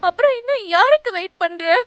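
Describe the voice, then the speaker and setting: A woman's voice: extremely high pitch, lively intonation, brisk, fairly bright tone, lo-fi sound. An actress playing a young woman who cries and pleads desperately against her forced marriage. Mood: tearful. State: crying. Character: tearful young bride refusing her marriage. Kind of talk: TV serial acting. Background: background score music.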